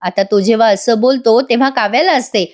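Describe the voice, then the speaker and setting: A woman narrates a TV serial episode as a chatty voice-over recap, talking straight to her viewers. Her voice sits a little high and friendly in manner. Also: a little fast. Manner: chatty, addresses viewers directly. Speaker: TV serial reviewer.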